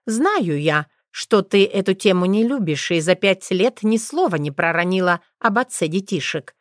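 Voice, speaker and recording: A woman's voice: mid-range voice, animated, normal speed, no echo, studio quality, voice pushed up, lightly acted. A woman voicing a brash, cheeky young witch with a folksy, teasing manner in an audiobook. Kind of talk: audiobook character voice.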